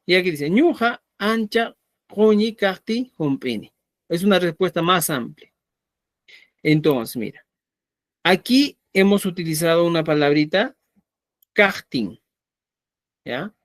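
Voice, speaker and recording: A man's voice: sits high, lively intonation, takes it slowly, pauses often, no room sound, clean studio sound. A man teaching a live online language class, explaining patiently and often checking in with the students. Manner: explanatory, checks understanding with frequent "¿ya?". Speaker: Quechua teacher.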